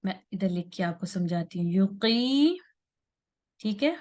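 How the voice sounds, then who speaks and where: A woman's voice: lowish voice, a little fast, a little mellow. A woman teaching Quran recitation rules. She explains patiently, draws out vowel sounds to show their length and checks in often with her listeners. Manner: patient, repeats and stretches sounds, checks in with "theek hai". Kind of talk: slow tajweed lesson at a whiteboard.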